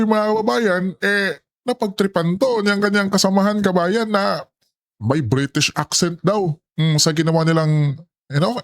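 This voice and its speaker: A man's voice: on the high side, dry recording. A man hosting a casual reaction commentary, often addressing his viewers and laughing in asides. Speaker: commentary channel host.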